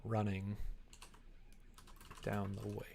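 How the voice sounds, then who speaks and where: His voice sits on the low side: monotone, very slow, gravelly and darkish, with a little hiss or hum in the audio. While building a visual novel on a live stream, he writes and codes, chatting casually with playful, joking asides and the odd mumble to himself.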